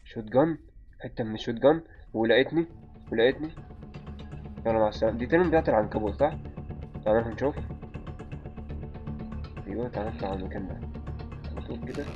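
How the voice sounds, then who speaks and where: A man's voice: medium pitch, racing, pauses often. A man with an Egyptian accent commenting as he plays a game, muttering to himself and yelping when startled. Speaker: gaming channel host. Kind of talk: live let's-play commentary. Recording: muffled lo-fi recording with faint game music.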